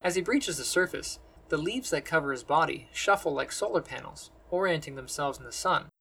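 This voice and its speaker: A man narrating a science-fantasy story in measured, descriptive storytelling. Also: a little high, animated, vocal fry, sharp tone, breathy edge, poor audio. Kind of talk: scripted fantasy audiobook narration.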